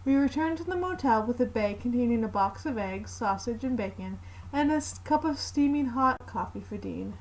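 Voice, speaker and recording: A woman narrating a fanfiction aloud in the first person, with a steady, plain reading. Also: on the high side, moderate pace, low-quality recording.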